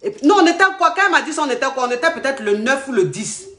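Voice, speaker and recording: A woman telling her life story in casual, animated speech, quoting the people she met. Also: high-pitched, very fast. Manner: animated retelling with acted quotes. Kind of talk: personal storytelling. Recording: echoey room.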